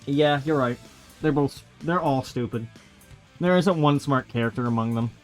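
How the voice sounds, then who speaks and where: A man's voice: mid-range voice, normal speed. A man hosting a let's play with casual, sarcastic, sweary commentary and plenty of complaints. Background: video game music.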